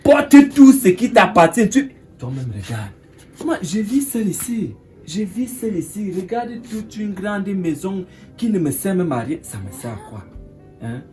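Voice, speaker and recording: An actor with a Cameroonian French accent playing a smooth-talking older man courting a young girl, with a wheedling, coaxing manner. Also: high voice, big pitch swings, measured pace, dark tone, soft background music.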